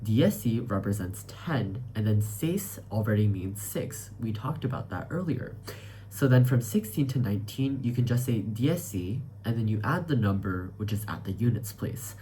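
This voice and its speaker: A man's voice: lowish voice, animated, moderate pace, warm tone, slight background noise. A man, a student teaching beginner Spanish, narrating a tutorial and spelling each letter out, then repeating it. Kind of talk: screen-recorded tutorial narration.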